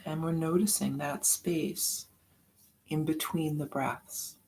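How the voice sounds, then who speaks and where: In a low-quality recording, a medium-pitched meditation guide gently draws out breathing cues. The intonation stays fairly even, and long silences separate each phrase.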